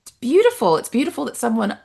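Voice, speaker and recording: A woman from Nigeria hosting an interview, expressive and quick to laugh. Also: a little high, gravelly, slightly rough. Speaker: host. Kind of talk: casual interview chat.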